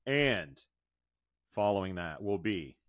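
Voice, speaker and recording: Speaking slowly and expressively in a low voice with no room sound, a middle-aged American podcast co-host alternates upbeat banter with reading the news. He's at home on a video call, close to his microphone.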